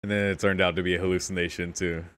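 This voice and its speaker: Deep-voiced man reacting to anime. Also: level tone, rapid-fire, fairly bright tone, smooth. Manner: candid, exclamatory, laughs often, swears. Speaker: anime reaction channel host. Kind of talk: casual reaction commentary.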